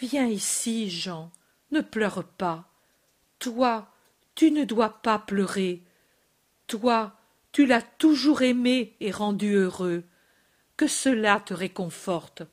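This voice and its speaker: A woman voicing a grieving mother who speaks softly and tenderly in short phrases. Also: medium pitch, takes it slowly, pauses often, close to an everyday voice. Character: grieving mother, gentle and anguished.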